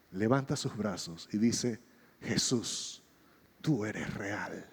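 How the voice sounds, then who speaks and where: A man preaching a sermon as pastor, telling a story and acting out its dialogue with changing pitch and pace. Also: warm tone. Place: church hall. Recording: long reverb of a church hall.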